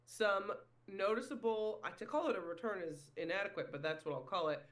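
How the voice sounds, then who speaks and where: Chatty, fairly high-voiced podcast host man. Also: fairly quick, a bit bright. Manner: chatty, self-deprecating, says "if you will" often. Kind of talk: casual sports podcast chat.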